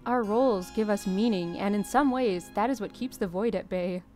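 Woman as a composed cult leader in a game, measured and formal, music underneath. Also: mid-range voice, a little mellow, close to an everyday voice. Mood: solemn, composed. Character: calm, solemn cult leader speaking to a newcomer. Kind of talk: reading game dialogue in character. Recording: music behind the voice.

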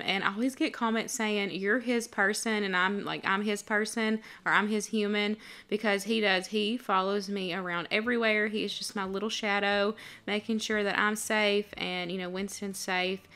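A woman's voice: medium pitch, fairly even intonation, normal speed, hardly any pauses, pushed and bright, clear, resonant tone. A woman, chatting casually in voice-over about her homemaking day. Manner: chatty, friendly, laughs easily. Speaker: homemaking vlogger.

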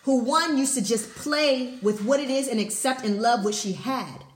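A woman's voice: fairly high pitch, normal speed. Emphatic woman vlogger in an echoey room. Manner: blunt, emphatic, profane. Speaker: vlogger reviewing a book. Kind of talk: animated commentary. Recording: roomy echo.

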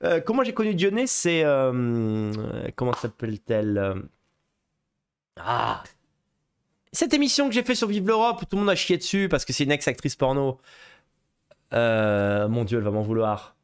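A male film host talking off the cuff on a live stream, wandering from point to point with plenty of "euh" and false starts. He gets excitable and swears casually as he goes. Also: medium pitch, moderate pace, pauses often, clean tone. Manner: rambling, many fillers and restarts. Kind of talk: casual live chat about films.

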